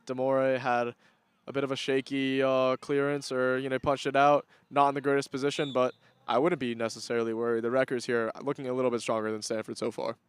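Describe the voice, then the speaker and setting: A man's voice: medium pitch, flat delivery, brisk, clean tone, no room sound. A young man giving casual, joking color commentary on a school soccer match.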